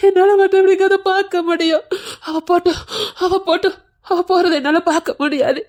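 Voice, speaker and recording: A middle-aged woman sobs and wails in exaggerated grief, played by a woman in a comic skit. She has a Tirunelveli Tamil accent and a very high voice. Her crying lament is melodramatic and theatrical. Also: steady tone, fairly quick, darkish tone. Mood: wailing. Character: middle-aged woman wailing over her departing friend.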